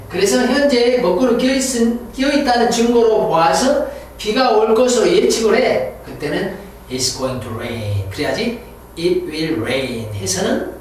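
Animated Korean-speaking man teaching English in an echoey room. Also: sits high, far from the mic, slight background noise. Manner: animated, drills words by repeating them several times. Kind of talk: classroom lecture explaining grammar and vocabulary.

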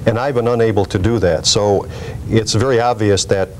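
A middle-aged man with a fairly low voice hosts an interview. His wording is earnest and somewhat formal. The recording is an old videotape with noise and rumble. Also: fairly even intonation, moderate pace. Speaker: program host interviewing a guest. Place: small TV studio set, indoors, standing at a table.

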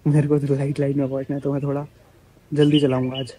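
A travel vlogger tells his own story in a relaxed, think-aloud manner with English words scattered through it. His voice is mellow and medium-pitched, fast and monotone. The recording is rough, with background music beneath him.

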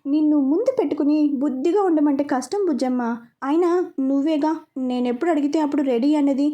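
A woman's voice: sits high, fast talker, warm tone, dull audio, natural voice. A woman reading the lines of a teasing, affectionate young husband in a story. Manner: playful, teasing.

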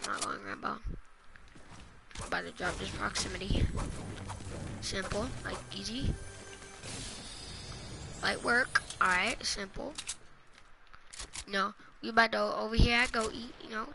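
A man's voice: sits high, creaky, bright, forceful tone, a little hiss or hum, rough recording. A teenage boy streaming a game live, talking to his chat in a hyped, slangy way. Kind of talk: live gameplay commentary.

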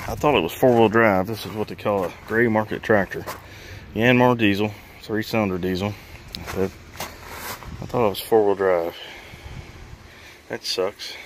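A man's voice: lowish voice, fairly even intonation, normal speed, pauses often, a little hiss or hum, poor audio. A middle-aged man, chatting casually in a walk-and-talk vlog, plain-spoken and rambling, filmed outdoors and in his truck. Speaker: vlogger. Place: outdoors on a rural property and inside a truck.

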